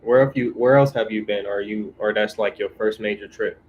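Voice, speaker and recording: A man's voice: lowish voice, steady tone, normal speed, muffled recording, slight background noise. A man from California in casual livestream chat, laid-back and slangy, reading viewer comments aloud and answering them. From California, USA.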